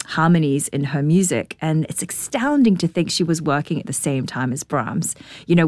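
A woman's voice: low voice, darkish tone, no echo. A woman with a New Zealand accent, a conductor speaking in a radio interview, thoughtful and full of rhetorical questions.

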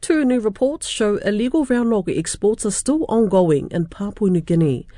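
A news anchor reading headlines in a crisp, formal way. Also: medium pitch, lively intonation, normal speed, heavy background noise.

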